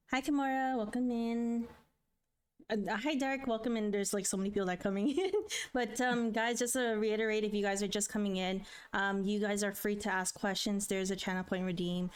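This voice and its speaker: A woman's voice: medium pitch, smooth. A woman hosting a casual streamed chat, laughing often and greeting viewers. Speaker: podcast host.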